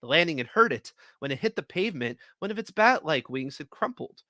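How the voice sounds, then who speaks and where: A man hosting a live event, reading stories aloud in a lively, expressive way. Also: on the high side, brisk, no room sound. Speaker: host.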